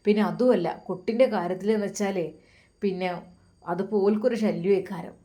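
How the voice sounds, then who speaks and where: A woman's voice: mid-range voice, brisk, mellow, lightly acted. A woman voicing a complaining, self-pitying mother who scolds and grumbles in a Malappuram Malayalam accent. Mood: grumbling.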